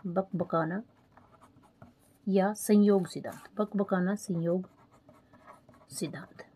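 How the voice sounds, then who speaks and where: A woman teaches an exam lesson in a relaxed, mellow voice with a breathy edge. She goes slowly, says key words twice and keeps asking whether it is clear. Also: lowish voice. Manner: explains slowly, repeats key terms, asks checking questions; spells terms out letter by letter while writing. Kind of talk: online exam-prep lesson.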